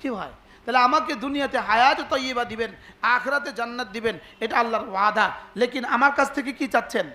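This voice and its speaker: A man's voice: extremely high pitch, a little fast, pushed and bright. A man preaching a sermon, asking the crowd rhetorical questions and acting out dialogues. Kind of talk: Islamic sermon (waz).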